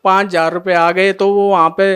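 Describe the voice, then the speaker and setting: High-voiced man telling his testimony. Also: level tone, brisk, a bit bright, smooth. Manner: retells scenes by acting out every line of dialogue. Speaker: devotee sharing a testimony. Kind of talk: emotional spoken testimony.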